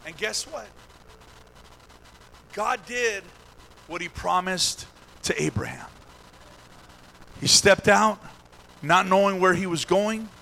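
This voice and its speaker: Brief: male pastor with a high, bright voice who preaches with rising fervor, from quiet to shouting. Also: takes it slowly, vocal fry, pauses often, low-quality recording. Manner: builds from hushed storytelling to shouted exhortation. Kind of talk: sermon.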